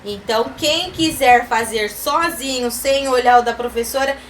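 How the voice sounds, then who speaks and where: A woman teacher with a Brazilian Portuguese accent, giving a recorded literacy lesson to young children and sounding out letters and syllables slowly. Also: a little high, a little hiss or hum. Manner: slow, sing-song, sounding out letters and syllables. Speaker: kindergarten teacher.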